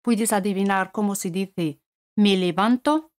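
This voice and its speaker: A woman with a Spanish accent from Spain giving a scripted French lesson, speaking clearly and repeating each French word. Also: mid-range voice, a little slow, a little mellow. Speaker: French teacher.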